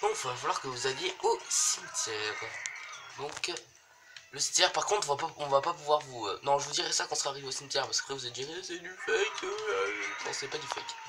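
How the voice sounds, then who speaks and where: A man gives casual, swear-laden gameplay commentary at a brisk clip, full of hesitations and restarts. His pitch sits in a middle range. A steady hiss of noise runs under the whole recording. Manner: rambling, hesitant, swears a lot. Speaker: gaming video host. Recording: noisy home recording.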